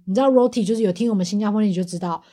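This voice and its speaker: A woman's voice: medium pitch, rapid-fire, warm tone. A woman with a Taiwanese Mandarin accent, chatting casually as a podcast co-host and telling anecdotes.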